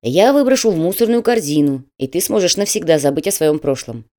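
A woman voicing a stern middle-aged male admissions manager who talks in a brisk, official and mocking way. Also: on the low side, expressive, warm tone.

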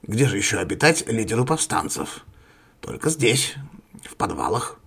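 A man voicing a courteous, creaky rebel doctor. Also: lowish voice, big pitch swings, a bit bright, exaggerated voice. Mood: suave menace. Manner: slow, courteous, menacing. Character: calm sinister male rebel leader, doctor.

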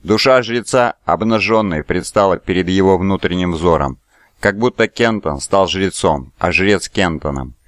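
A man narrating an audiobook in a steady, measured reading. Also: sits low, no echo, studio quality. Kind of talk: scripted narration.

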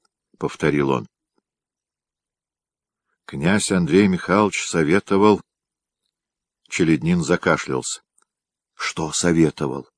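A man narrates a historical novel in a steady, even reading voice. His voice is very low and he takes his time. The recording is dry and close, with no room sound. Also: takes it slowly, pauses often, no room sound. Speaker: audiobook narrator.

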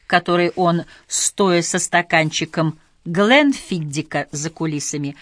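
Low-voiced woman narrating an audiobook. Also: fairly bright tone, no room sound, clean studio sound. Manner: measured, storytelling delivery. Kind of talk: scripted narration.

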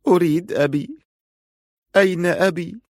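A woman's voice: on the low side, quick pace, warm tone, no room sound, voice pushed up, lightly acted. A man voicing an injured young woman who whispers faintly in pain, close to fainting. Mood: tearful plea.

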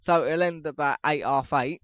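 A teenage boy hosts a casual solo podcast, rambling, swearing casually, and restarting sentences as he goes. His voice is a little high, his speed normal, and the recording is dry, dull, and lo-fi.

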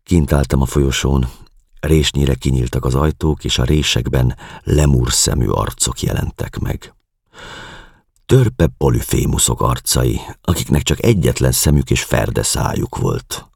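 A man narrating a novel aloud in the first person, slow, subdued and measured. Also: a bass voice, vocal fry, darkish tone, husky, dry recording, clean studio sound. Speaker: audiobook narrator.

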